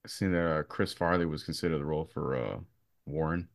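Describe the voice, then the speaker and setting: Very deep-voiced laid-back man. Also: a little fast, gravelly, dry recording, clean studio sound. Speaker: podcast co-host. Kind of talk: casual movie chat.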